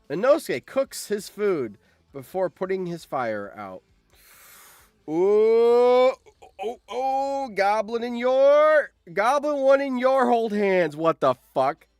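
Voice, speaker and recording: Hosting a live stream, a high-pitched man reads out game events and reacts in an animated, exclamatory way, repeating phrases. There's no echo on the recording.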